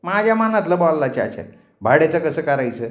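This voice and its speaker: A talkative middle-aged village butcher, put on by a male storyteller, gossiping in rustic dialect. The voice sits a little above middle pitch. The echoey room carries every word. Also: very animated, muffled recording. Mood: chatty. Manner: chatty, rustic village dialect, quick banter.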